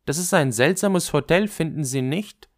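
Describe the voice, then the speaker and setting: A man reading an audiobook who voices a pert, impatient young woman in a quick, emphatic manner. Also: a little high, lively intonation, voice pushed up, close to an everyday voice. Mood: chirpy, pushy. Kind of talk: audiobook character voice.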